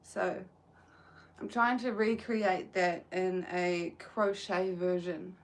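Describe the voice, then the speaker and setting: Her voice sits on the low side, fairly even in intonation and slow, as this young New Zealand woman chats on a crochet livestream outdoors in the sun. She comes across as soft-spoken and hesitant, using "um" a lot.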